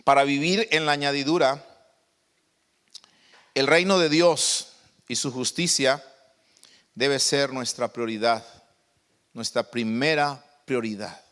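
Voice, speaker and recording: A man preaching a sermon as pastor, stressing and slowly stretching key words. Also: mid-range voice, fairly bright tone, in a large hall.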